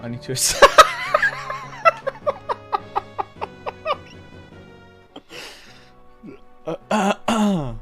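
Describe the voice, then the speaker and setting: A man's voice: fairly high pitch, animated, slow pace, long pauses, soft background music. A man streaming a game, chatting casually and playfully with friends and laughing often. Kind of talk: casual gaming stream chat.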